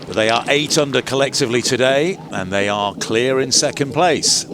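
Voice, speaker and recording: A man commentating on live golf as a play-by-play announcer, moving between measured description and excited lifts. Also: medium pitch, background noise. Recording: commentary over music and outdoor ambience. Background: music.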